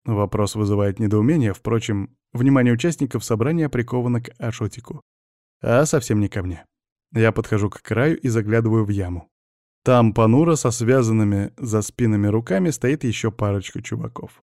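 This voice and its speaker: A man's voice: lowish voice, fairly quick, darkish tone, dry recording, clean studio sound. A man narrating a first-person crime story with a wry, sardonic manner.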